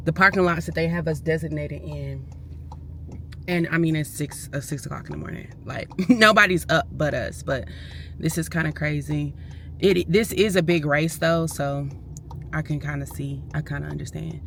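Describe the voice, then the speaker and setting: A woman's voice: deep voice, moderate pace, fairly bright tone. A woman chatting casually to camera in a vlog, talking into a handheld phone. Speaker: vlogger, race participant. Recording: noisy outdoor crowd and traffic.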